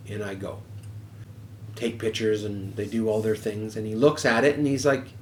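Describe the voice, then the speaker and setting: A man's voice: fairly low pitch, fairly even intonation, normal speed. A man telling a personal story in a casual way, frank and swearing freely. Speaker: podcast host. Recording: roomy echo, faint background noise.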